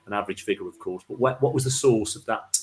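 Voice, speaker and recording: A man's voice: fairly low pitch, fast, a little mellow. A man hosting a casual business discussion, repeating words and phrases as he thinks aloud. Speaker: host.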